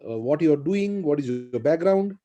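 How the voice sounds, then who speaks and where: A man with an African English accent hosts an online training webinar over a video call, cheering on attendees and repeating words of praise. His voice sits on the high side, warm and expressive, at a moderate pace.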